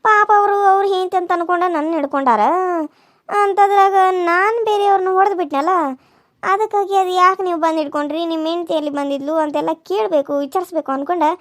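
A very high, rapid voice for a gentle young village woman in a cartoon, coaxing and rustic in a North Karnataka accent, as a woman acts her out. The sound is dry and close to the mic. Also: no room sound. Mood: pleading. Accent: North Karnataka Kannada. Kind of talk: cartoon serial voice acting.

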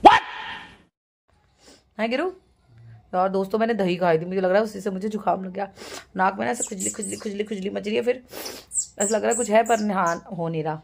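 A woman's voice: medium pitch, fairly quick, vocal fry, long pauses, darkish tone. A woman from Almora in Uttarakhand, chatting casually and playfully in a home vlog. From Almora, Uttarakhand, India. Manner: chatty and playful, coos in baby talk to her pet. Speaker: vlogger and housewife. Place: at home indoors.

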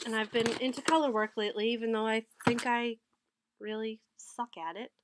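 This casual haul and recap vlog has a knitting vlogger in her thirties, slightly nasal with a head cold, rambling about her knitting haul to a desk webcam in a small wood-paneled room with bookshelves. She is chatty and self-correcting, speaking briskly in a slightly high voice with little pitch movement. There's no room sound, and the quality is studio-grade.

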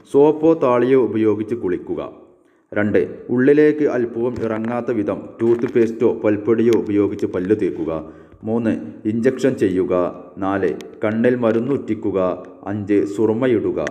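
Low, mellow man with reverb. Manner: measured instructive recital. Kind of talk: reading a numbered list.

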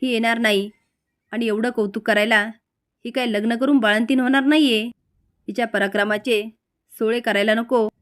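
Sarcastic scolding aunt, voiced by a woman a little raised and high. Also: steady tone, moderate pace, pauses often, dry recording, clean studio sound, close to an everyday voice. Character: sharp-tongued middle-aged aunt.

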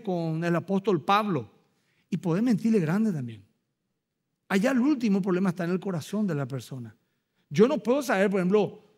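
Male pastor, Paraguayan accent, pitched high, lively sermon delivery with acted-out asides. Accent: Paraguayan Spanish. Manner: animated, acts out dialogue, rhetorical asides.

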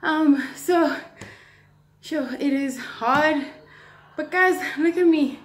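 A young woman with a high voice talks casually to her fitness vlog viewers. She records on a phone at arm's length in an echoey living room. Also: takes it slowly. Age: young adult. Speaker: fitness challenge vlogger. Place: home living room with tiled floor.

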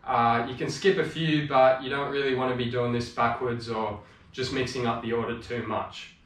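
A young man giving a casual instructional voice-over for a home barbell workout, relaxed and chatty with fillers. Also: mid-range voice, moderate pace. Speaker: fitness coach. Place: living room home gym. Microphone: voice-over, recorded separately.

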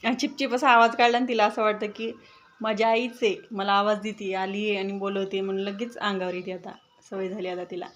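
A woman's voice: little pitch movement, fairly quick, fairly bright tone. A woman with a Marathi accent, chatting casually in a home vlog while coaxing and calling her pet bird. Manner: coaxing, calls the bird with high chirpy sounds. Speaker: vlogger.

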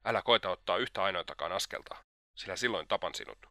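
A man's voice: deep voice, sharp tone, dry recording, clean studio sound. Man reading a fierce, accusing young woman. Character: furious young woman holding an attacker off.

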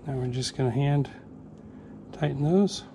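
A man's voice: mid-range voice, a little slow, dark tone, a little hiss or hum. A man in his forties in a workshop, casually walking through a build step by step with plenty of "uh"s. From Northeast Florida. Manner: plain, easygoing, narrating each step with many "uh"s. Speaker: fishing tackle maker. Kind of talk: casual how-to workshop demonstration.

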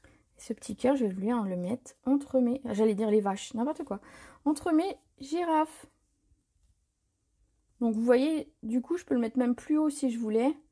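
A woman demonstrating a paper craft technique in a live tutorial, chatty and relaxed, often correcting herself and laughing at her slips. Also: a little high, measured pace.

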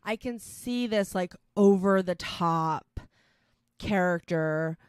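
A woman co-hosting a podcast in casual chat, talking in loose, chatty runs full of fillers and animated quotes. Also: lowish voice, slow pace, clear, resonant tone, no room sound, studio quality. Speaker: podcast co-host.

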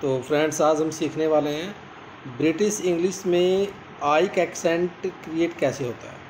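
A man's voice: on the high side, darkish tone, slight background noise. A man teaching English pronunciation, repeating each practice word several times as he drills it. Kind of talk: pronunciation lesson. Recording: echoey room.

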